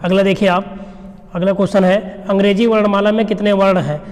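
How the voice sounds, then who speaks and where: A man's voice: high-pitched, level tone, fairly quick, darkish tone, big-room sound. A male teacher giving an exam revision lecture, who asks questions and then answers them himself. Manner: explains by asking and answering his own questions.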